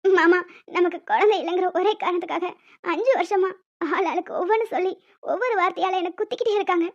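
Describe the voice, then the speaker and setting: A woman voicing a gentle young wife in a cartoon, pleading and sorrowful as she pours out her hurt. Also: extremely high pitch, fast, muffled recording. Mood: tearful.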